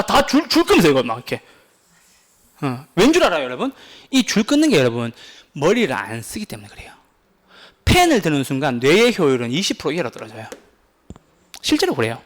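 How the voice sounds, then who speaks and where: A man lectures for a real estate licensing exam course, his voice riding high and leaping up and down in pitch. He is insistent and animated, checking in with the students again and again. His delivery is pleading and urgent. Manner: lively, keeps asking the class questions.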